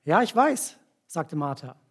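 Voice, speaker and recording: A man with a fairly high, husky voice preaches to a gathering. He retells a scripture passage step by step and has volunteers stand up to act it out. He checks in with his listeners with short tag questions as he goes. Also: very animated. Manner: explains slowly with frequent tag questions. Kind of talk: sermon with volunteer demonstration.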